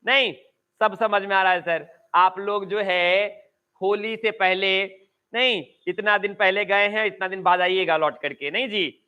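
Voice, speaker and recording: A male English grammar teacher with a Bihari Hindi accent, giving an online class lecture, drawing out and repeating key phrases slowly and chatting with students between points. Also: sits high, fairly even intonation, smooth, muffled recording. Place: coaching class at home.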